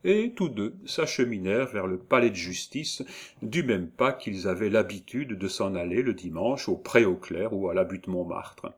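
Man, audiobook narrator, measured, low voice. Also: slightly rough. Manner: measured, even storytelling.

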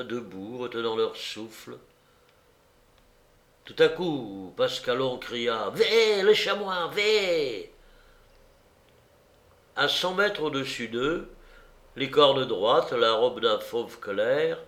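A man narrating a story aloud in a measured, expressive way. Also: mid-range voice. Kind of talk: audiobook narration. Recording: roomy echo.

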